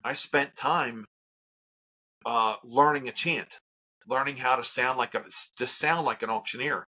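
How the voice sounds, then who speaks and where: A man's voice: mid-range voice, measured pace, sharp tone. A man who works as a charity auctioneer, telling his story in a casual interview with earnest emphasis and repeats.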